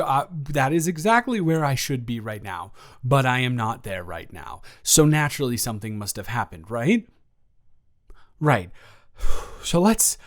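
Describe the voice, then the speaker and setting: In an improvised audio roleplay, a man plays a nervous, self-deprecating young roommate who rambles, stammering and repeating himself. His voice is mid-range.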